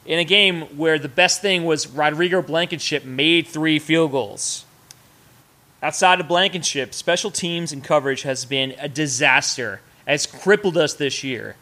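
Brief: male host, sarcastic and profane ranting, slightly high voice. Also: sharp tone. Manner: sarcastic, profane, fast rants. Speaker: host of a sports fan podcast. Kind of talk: casual ranting commentary while cooking.

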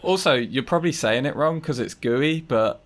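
A man's voice: medium pitch, normal speed. A man hosting a podcast, asking questions in a loose, casual way peppered with "like". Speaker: podcast host. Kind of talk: casual conversation.

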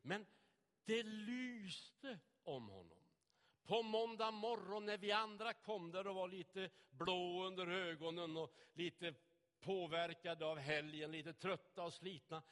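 A man's voice: high voice, fairly bright tone, long reverb tail. A male preacher giving a sermon with vivid storytelling and anecdotes in a church.

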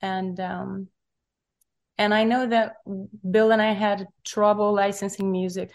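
A middle-aged woman telling her story in an interview, soft-spoken and searching for words, with frequent pauses and fillers. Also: fairly low pitch. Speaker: recording artist interviewed.

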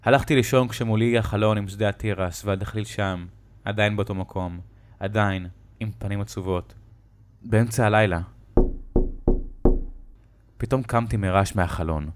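A man narrating a horror story in a slow, dramatic storytelling manner. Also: on the low side, steady tone, clean tone.

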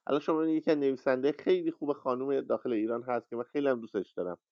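Guy hosting a writing workshop, rambly and hesitant, lots of uhs, smooth clear voice but muffled dry call audio. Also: mid-range voice, no room sound. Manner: rambling, hesitant, many fillers. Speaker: workshop host. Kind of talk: casual lecture on a live audio chat. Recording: dull lo-fi online audio call.

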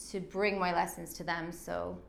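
A woman's voice: lowish voice, level tone, normal speed, gravelly. A woman who teaches children drama, chatting casually and enthusiastically as an interview guest. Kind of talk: casual chat.

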